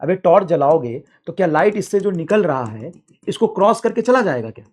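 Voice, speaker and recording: Man, physics teacher, classroom lecture, very animated pitch, dictates slowly. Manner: explains step by step, slows to dictate phrases in English. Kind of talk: classroom lecture with student questions.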